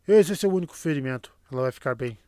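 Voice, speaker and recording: A man reading the lines of a calm, commanding sorceress in a measured, curt way. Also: mid-range voice, dry recording, studio quality, lightly acted. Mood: calm firm. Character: calm commanding Aes Sedai woman.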